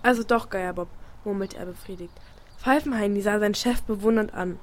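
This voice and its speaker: A woman with a brisk, mid-range, fairly everyday voice plays a young girl in a radio play. The girl reads a detective comic aloud dramatically and snaps at anyone who interrupts her.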